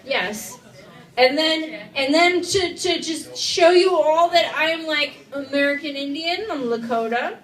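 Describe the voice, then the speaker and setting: Speaking a little slowly in a high-sitting voice, a drunk woman wanders through a stand-up comedy set, loud and loose, dropping plenty of "like" and curse words. Her club-stage performance is heard from afar with a roomy sound.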